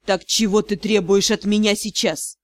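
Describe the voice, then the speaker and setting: A woman reading an audiobook, voicing a cold, commanding male lord who speaks with icy, unhurried courtesy. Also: mid-range voice, steady tone, no echo, studio quality, voice pushed down, lightly acted. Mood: icy polite. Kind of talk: audiobook character voice.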